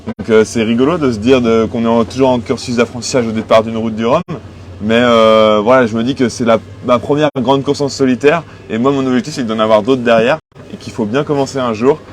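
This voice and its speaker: With a steady, mid-range voice and a brisk delivery, the skipper, a man of twenty-five from Cholet in western France, fields interview questions conversationally. The setting is a sailing boat in port, and the location noise is noticeable.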